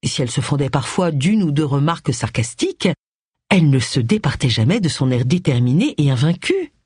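Breathy, expressive woman audiobook narrator. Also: low-pitched, dry recording, studio quality. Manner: expressive, measured storytelling.

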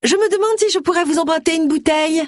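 A woman voicing a pushy, vain, falsely sweet woman in her fifties, in a high put-on voice, in an audiobook. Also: fast talker, no echo, studio quality. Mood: sugary.

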